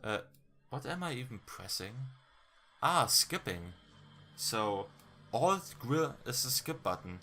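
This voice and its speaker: A man's voice: mid-range voice, sing-song, slow pace, long pauses, pushed and bright, faint music behind. A man doing a let's play, reading game dialogue aloud and adding blunt, sarcastic casual asides. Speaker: gamer playing and commenting on a visual novel.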